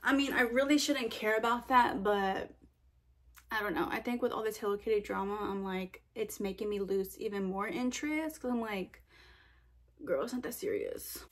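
A woman's voice: mid-range voice, normal speed. A young woman chatting casually in her apartment for a vlog, tired and sleepy, with lots of "like" and "girl". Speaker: lifestyle vlogger.

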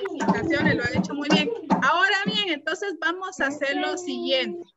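A woman's voice: sits high, animated, moderate pace, dull audio, crowd noise. A woman teacher giving an online lesson to a class, patiently explaining and asking the students questions. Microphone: computer mic on a video call.

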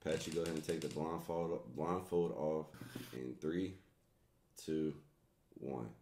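A man's voice: very deep voice, steady tone, a little slow, warm tone. A young man hosting a livestream, laid-back and slangy, talking to his guest and the chat. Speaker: livestream host.

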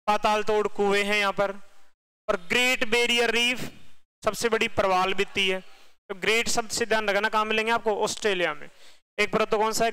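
Male teacher, high clear voice, rapid question-and-answer drilling. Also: sharp tone, low-quality recording. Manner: quizzing questions then answering them. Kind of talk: exam-prep lecture. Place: online class.

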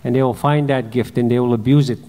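A man voicing the male Creator spirit in a told legend, speaking with a measured storytelling cadence. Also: medium pitch, fairly even intonation, warm tone, lightly acted. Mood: solemn. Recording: long hall reverb.

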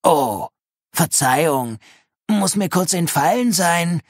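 Narrator doing a nosy old lady neighbor, snide, high and croaky, audiobook. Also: expressive, slow pace, no echo, clean studio sound. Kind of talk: audiobook reading.

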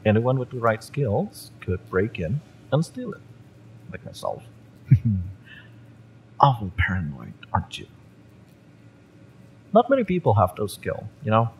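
In an intimate audio roleplay, a male actor voices a fiery cyberpunk mercenary, a spurned former bodyguard, taunting the listener with smug menace. His deep voice swoops wildly in pitch, heavily acted, in a drawl full of dramatic pauses. A faint rumble sits under the rough recording.

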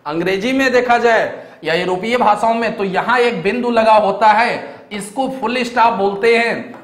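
A young man teaching a grammar lesson for exam preparation, explaining step by step and often checking that his students follow. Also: high voice. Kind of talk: exam-prep grammar lecture. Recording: echoey room.

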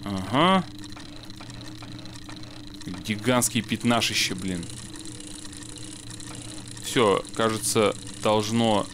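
A man's voice: lowish voice, extremely slow, pauses often, a bit bright, slight background noise. A man playing a puzzle game with a friend, chatting casually and muttering mild curses as he works things out. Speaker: let's play gamer. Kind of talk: casual co-op gameplay chat.

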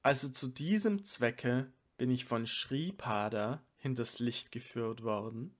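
A man's voice: medium pitch, slow. A man reading as a wondering divine monk. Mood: wondering, tender. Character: loving divine male monk, full of wonder.

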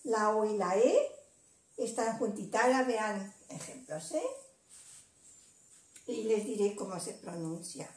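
An older woman teaching a casual video lesson at home, patient, repeating words slowly and adding little tag questions. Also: medium pitch, reverberant. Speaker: language teacher. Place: indoor room at home.

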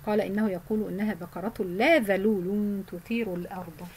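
A woman with a medium-pitched, steady voice and an Egyptian Arabic accent leads a Quran memorization lesson against a noisy background. She explains things in everyday colloquial speech and recites the verses slowly.

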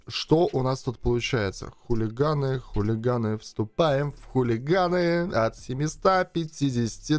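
In a small room, a young man streams a mobile game through a headset, framed on webcam, chatting casually and thinking out loud for his viewers. His voice is medium-pitched with a darkish tone, and the close, dry recording has no room sound but faint music underneath.

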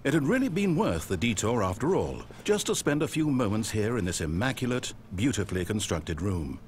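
Condescending game narrator: dry, ironic, mock-grand, huge melodic swings. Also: male voice, on the low side, very animated, fairly quick, a little mellow, a little hiss or hum.

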